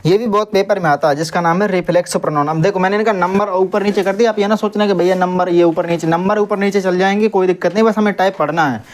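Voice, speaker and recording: A man's voice: high voice, fairly even intonation, quick pace, hardly any pauses. Young guy teaching english grammar to a class, quizzes pupils and answers for them, tells off noisy kids.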